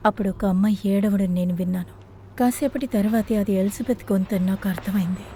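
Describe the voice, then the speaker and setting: A woman playing a calm mellow-voiced woman. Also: medium pitch, fast talker, slight background noise, close to an everyday voice. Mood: reflective. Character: calm guarded woman, composed and fearless. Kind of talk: dubbed film acting.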